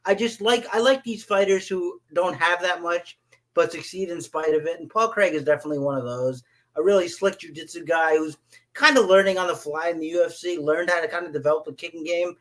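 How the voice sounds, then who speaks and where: A man hosts a casual sports betting podcast, his voice sitting a little high for a man. He leans on fillers and restarts as he talks. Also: fairly quick, fairly bright tone. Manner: hesitant, many fillers and restarts. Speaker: podcast host.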